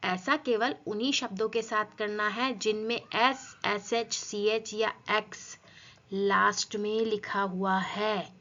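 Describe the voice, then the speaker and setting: Female grammar teacher, unhurried, quizzing pupils; muffled lo-fi recording. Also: medium pitch, steady tone, bright, forceful tone. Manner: asks and answers her own questions, addresses students as children. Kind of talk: classroom grammar lesson.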